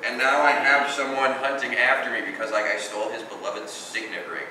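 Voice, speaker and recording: A man's voice: medium pitch, fairly even intonation, a little fast. A man chatting casually and jokingly as a player in a tabletop game. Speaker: panel player. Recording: echoey room, distant mic, faint noise.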